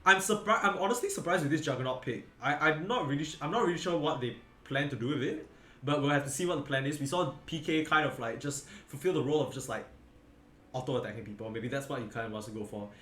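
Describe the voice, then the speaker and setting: A man's voice: mid-range voice, fast, sharp tone. A tired man casting an esports match, rambling, correcting himself mid-sentence and leaning on fillers. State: tired, yawning. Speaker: esports caster. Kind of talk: casual game commentary. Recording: echoey room with faint background noise.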